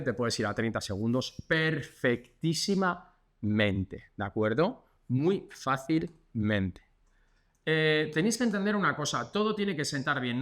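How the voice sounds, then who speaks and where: A physiotherapist from Spain, speaking with a Spanish accent, demonstrates exercises and counts the repetitions out loud in a chatty, instructive style. His voice has a fairly high pitch and a fairly bright tone.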